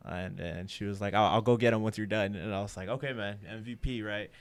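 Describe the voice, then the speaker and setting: A man's voice: on the low side, a little fast. Profane, laughing young man telling a story. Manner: animated, profane, laughs through his own story. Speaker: podcast co-host. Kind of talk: casual storytelling chat.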